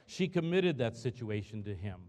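Male pastor, mid-pitch voice, earnest conversational sermon delivery in a church. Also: very animated, normal speed, darkish tone. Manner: earnest, conversational preaching with rhetorical questions.

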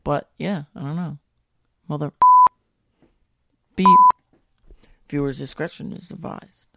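A man's voice: on the high side, fairly even intonation, slow pace, gravelly, very noisy. A young man hosting a casual live internet radio show from home, talking in a loose, joking, profane and rambling way.

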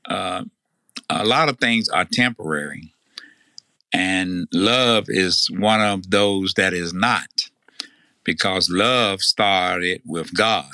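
A man's voice: deep voice, slow pace, sharp tone, dry recording. An older man with a Tennessee Southern accent, chatting casually in hesitant, folksy phrasing. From Tennessee, United States. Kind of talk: casual chat.

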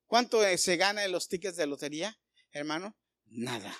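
A male pastor preaching a sermon, animated and full of rhetorical questions aimed at the congregation. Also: high voice, normal speed, no room sound, studio quality.

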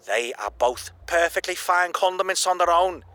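A man's voice: high-pitched, animated, moderate pace, sharp tone, dry recording. A man playing a whiny, squealing friend. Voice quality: defensive whine, squealing. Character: whiny indignant male friend on the phone. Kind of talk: audio drama acting.

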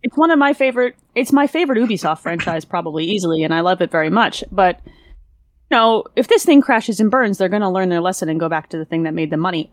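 A woman co-hosting a casual podcast chat, upbeat and quick to agree as she thinks aloud. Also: on the low side, no room sound, studio quality. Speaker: podcast co-host.

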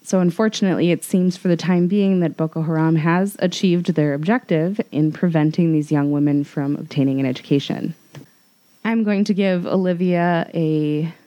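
Mellow, lowish-voiced woman co-host. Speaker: podcast co-host. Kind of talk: news segment told conversationally.

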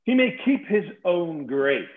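A fat, boastful old knight, played by a man, rolls out his insults slowly and with relish, his pitch climbing and dropping theatrically. The sound is thin and phone-like, bouncing around an echoey room. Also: big pitch swings. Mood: mocking. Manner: blustering, mocking, savoring insults. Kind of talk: theatrical verse-play reading.

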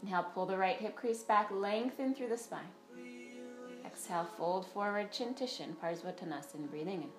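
A woman's voice: medium pitch, moderate pace. Woman leading yoga in an echoey room. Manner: directive step-by-step cueing with breath counts. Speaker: yoga teacher. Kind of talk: guided yoga class instruction. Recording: roomy echo, faint music behind.

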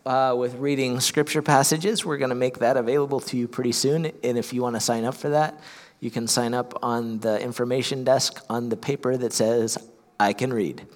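A man's voice: mid-range voice, fairly even intonation, normal speed. A man from Ohio preaching a sermon as pastor, earnest, often repeating words as he restarts. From Ohio, USA. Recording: long hall reverb.

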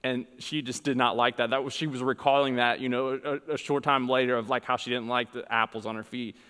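A man in his thirties preaching a sermon, earnest, moving between emphatic points and quiet, casual stories. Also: medium pitch, steady tone, brisk, clean tone. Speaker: pastor. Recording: long hall reverb.

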